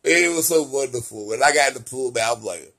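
A man talking to his camera about his recovery, swinging between soft, slow remarks and loud bursts of laughter. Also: medium pitch. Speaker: vlogger sharing his recovery. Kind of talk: casual personal vlog.

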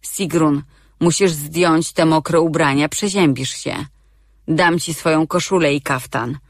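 A woman reading the lines of a gentle, caring young male warrior in a storybook, calm and reassuring. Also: low voice, unhurried, dry recording, studio quality.

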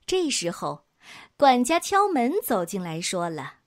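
A woman's voice: mid-range voice, big pitch swings, unhurried. A woman narrating a children's story in a playful, sing-song storyteller's manner.

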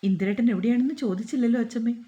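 A woman's voice: a little high, rapid-fire, dark tone, lo-fi sound, lightly acted. A woman voicing a caring young woman who brings bad news and comforts her family. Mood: anxious.

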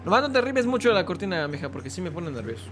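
A man's voice: sits high, big pitch swings, rapid-fire, music in the background. A man with a Mexican accent, chatting casually and joking while he plays and comments on a game. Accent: Mexican Spanish. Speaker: gaming YouTuber.

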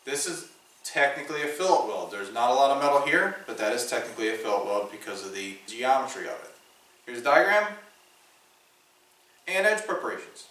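A man's voice: medium pitch, sing-song, a little fast, fairly bright tone, far from the mic. A man in his thirties teaching welding step by step, explaining things in a practical, matter-of-fact way in a home garage workshop. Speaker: welding instructor. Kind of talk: instructional demonstration. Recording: echoey garage from afar with fan hum.

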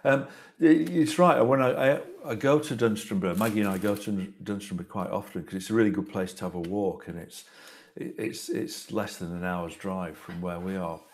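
A man's voice: low voice, moderate pace, a little hiss or hum. A man in a panel discussion on a video call, thoughtful and rambling, restarting his phrases. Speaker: host, artist.

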